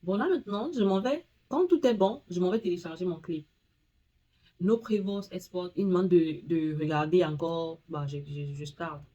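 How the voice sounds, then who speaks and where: A woman hosting a casual screen-recording tutorial, talking straight to the viewer and reading English screen text haltingly. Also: fairly low pitch, mellow, highs cut off. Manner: chatty, talks straight to the viewer. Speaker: tutorial host.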